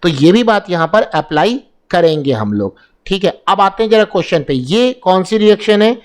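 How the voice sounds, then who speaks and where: A man with a high voice explains chemical reactions step by step for exam preparation. He keeps asking rhetorical questions and answers them himself. He repeats the key terms to drive them home. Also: very animated, normal speed. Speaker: chemistry teacher.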